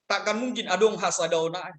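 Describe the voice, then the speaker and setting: A pastor delivering an emphatic sermon, the pitch and loudness rising and falling. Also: fairly quick, a little hiss or hum. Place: church service streamed online.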